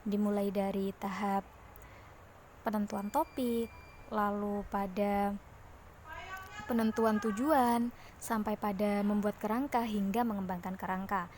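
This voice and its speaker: A woman's voice: medium pitch, fairly even intonation, a little slow, pauses often, a little mellow, slight background noise. A woman teacher giving a lesson to her students, explaining step by step and closing each point with a short tag phrase. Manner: explains step by step, ends points with "seperti itu".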